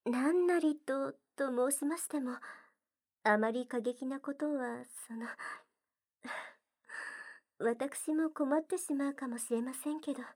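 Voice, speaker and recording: A woman voicing a gentle, devoted young maid in an ASMR roleplay, speaking softly and very formally, often in a whisper. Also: high-pitched, slow pace, pauses often. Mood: soothing. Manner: soft-spoken, very formal polite speech, often whispered.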